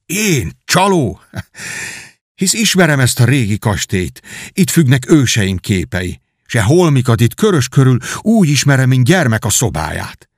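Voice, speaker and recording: A man's voice: mid-range voice, wildly swooping pitch, husky, no room sound, studio quality, heavily acted. A man voicing a desperate young nobleman who pleads and argues in agitated outbursts. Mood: pleading.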